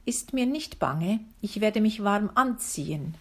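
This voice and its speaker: A woman voicing a restless, grumbling little female witch in a storybook reading, with a husky voice. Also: mid-range voice, animated, measured pace, darkish tone. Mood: stubborn.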